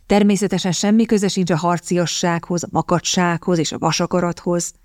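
A cool, mocking aristocrat who answers with dry, sardonic wit, as a woman narrator voices him. The voice stays low and is recorded close and dry. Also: steady tone, darkish tone, no echo, natural voice.

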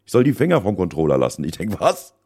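A man with a very low, mellow voice chats casually on a podcast. He tells his stories in a loose, rambling way, with many fillers and asides. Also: very animated, very fast, husky. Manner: rambling anecdotes, filler-heavy. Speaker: podcast co-host and streamer. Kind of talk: casual chat.

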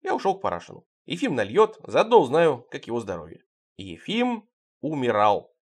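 Man, audiobook narration, wry, lively swings in pitch, mid-pitched voice. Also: moderate pace, husky. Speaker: audiobook reader. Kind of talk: audiobook narration of a surreal novel.

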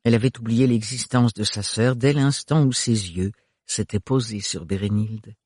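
A man narrating an audiobook in an expressive, animated storytelling way. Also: on the low side, normal speed, slightly rough, no echo, studio quality. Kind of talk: scripted narration.

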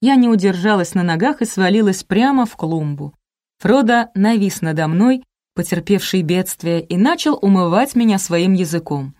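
A woman narrating a detective novel in the first person, with even, wry storytelling. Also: medium pitch, moderate pace. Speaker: audiobook narrator.

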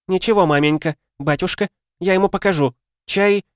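A man voicing a shrill defiant young noblewoman. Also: moderate pace, smooth, dry recording, clean studio sound, natural voice. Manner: shrill and raised, near tears. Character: 16-year-old noblewoman, defiant and tearful.

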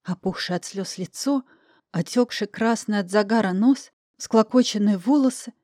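A woman's voice: mid-range voice, normal speed, a little mellow, no echo. Woman narrating an audiobook, dry close sound. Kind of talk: first-person audiobook narration.

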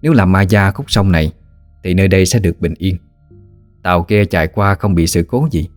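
Southern vietnamese guy telling a ghost story, low steady voice, soft music in the back. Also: fairly quick, no room sound.

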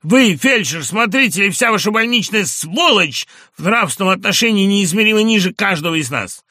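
Furious young madman, shrill ranting voice, gravelly edge, dry close sound, read by a man. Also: expressive, moderate pace, bright, forceful tone, dry recording, heavily acted. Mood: indignant ranting. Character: young furious male asylum patient, shrieking accuser.

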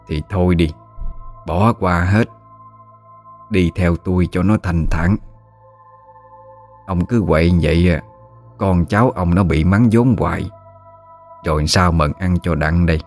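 A man voicing a calm, commanding older female exorcist with a Southern Vietnamese accent. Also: low voice, takes it slowly, long pauses, faint music behind. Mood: firm. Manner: firm, matter-of-fact.

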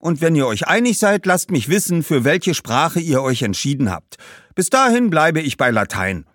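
A man's voice: fairly high pitch, sing-song, moderate pace, a bit bright, no room sound, clean studio sound, voice pushed up. A man voicing young Augustinus, who explains things patiently in a somewhat raised voice. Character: young Augustinus, calm and reasonable.

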